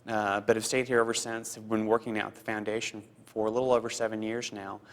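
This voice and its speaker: Man, 30s, from costa rica, low voice, monotone, earnest, halting with fillers. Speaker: foundation program officer. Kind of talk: interview answers. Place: office.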